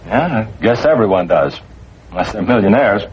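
A middle-aged man with an American accent playing a patient, gently wry suburban father in a 1950s family sitcom. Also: fairly low pitch, expressive, normal speed, slightly rough. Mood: gently resigned. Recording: dull, noisy old TV soundtrack.

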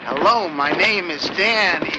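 An actor playing a shy, preoccupied young college student with an awkward, reticent manner in a TV drama. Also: male voice, high-pitched, unhurried, very noisy. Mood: awkward, subdued. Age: young adult. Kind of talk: TV drama acting. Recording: muffled soundtrack, loud music behind.

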